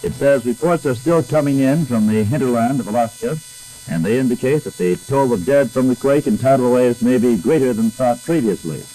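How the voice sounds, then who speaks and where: A radio announcer reads wire news bulletins in a measured, grave, deliberate way from a radio studio. His mid-range, dark-toned voice comes through a rough old 1960s broadcast recording with electrical hum.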